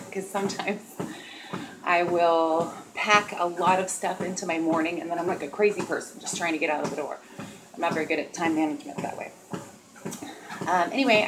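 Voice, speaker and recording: A woman in her thirties rambling casually to camera at home while she walks on a treadmill. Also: fairly low pitch. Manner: chatty, talking while walking on a treadmill. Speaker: vlogger. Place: small dim room at home, indoors. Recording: steady treadmill noise and clicks. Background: loud treadmill motor and footfalls.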